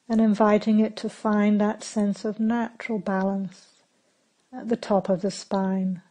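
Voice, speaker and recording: A meditation teacher leads a guided meditation, her medium-pitched voice dark and relaxed. She speaks very slowly and calmly, offering gentle instructions in short phrases separated by long pauses. The audio is poor.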